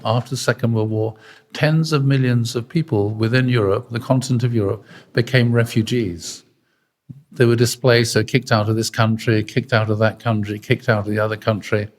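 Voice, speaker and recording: An older man, giving a sermon in a conversational, halting way and often clearing his throat. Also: on the low side. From Britain. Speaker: preacher.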